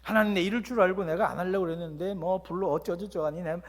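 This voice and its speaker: A man's voice: high voice, fairly even intonation, fast talker, close to an everyday voice. A man voicing an angry, sulking male prophet in a huffy, indignant rant. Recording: long church reverb.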